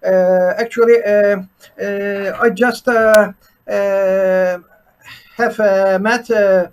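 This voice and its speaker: A Turkish programming teacher and channel host, a native Turkish speaker with a Turkish accent, gives an unscripted screen-share presentation, halting with "uh" between nearly every few words. His voice is high, clear and resonant, with little pitch movement.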